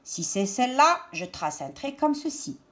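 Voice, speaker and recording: Her pitch sits high and swings widely as she teaches young children to read, repeating each word with slow, deliberate emphasis.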